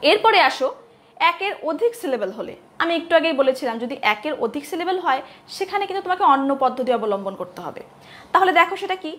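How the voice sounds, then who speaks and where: A woman lecturer teaching a grammar lesson to students. She asks questions, answers them herself and repeats example words slowly. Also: very high-pitched, fairly bright tone. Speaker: English lecturer.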